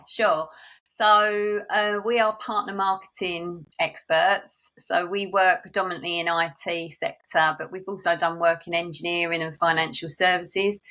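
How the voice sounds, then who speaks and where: A middle-aged marketing agency director with a South East London accent is a guest on a podcast, telling stories in a friendly, chatty way during a casual interview. Her mid-range voice sounds pushed and bright, and the audio is dull.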